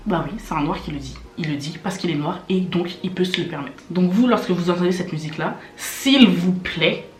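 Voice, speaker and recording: A woman's voice: on the low side, fast talker. A young woman vlogger talking to camera in a casual, slangy way. She is indignant and emphatic, and she fires off rhetorical questions. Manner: slangy, filler-heavy talk. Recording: roomy echo, faint music.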